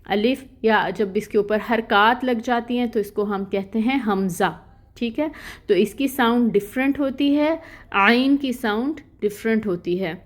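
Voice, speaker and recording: A woman teaching an online lesson on Quran pronunciation, explaining patiently and often checking in with her students. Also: a little high. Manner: patient and explanatory, repeats "theek hai" to check in, demonstrates letter sounds. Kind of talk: recorded lecture on Arabic pronunciation.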